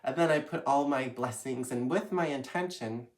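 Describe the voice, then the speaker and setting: Stuffy-sounding man vlogging in a relaxed, chatty way from a guest room, checking in with the viewer often. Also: medium pitch, normal speed. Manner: chatty, frequent "right?" and "you know" tag questions. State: stuffy from a cold. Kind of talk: casual direct-to-camera chat. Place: his mother's guest room, indoors.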